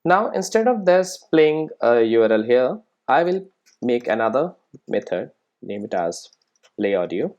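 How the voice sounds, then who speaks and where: In a screen-recorded coding tutorial, an instructor with a medium-pitched voice walks through code step by step. He's informal and unhurried with a sing-song, darkish tone, often checking in with tags like "right?" and "make sense?" The audio sounds dull.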